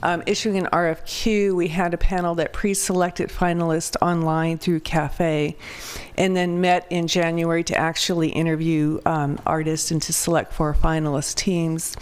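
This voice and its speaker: A woman consultant with a raspy, hoarse voice, presenting a project to a city council in an orderly way. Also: deep voice, flat delivery, moderate pace. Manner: orderly, reads through points with some fillers. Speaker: public art consultant.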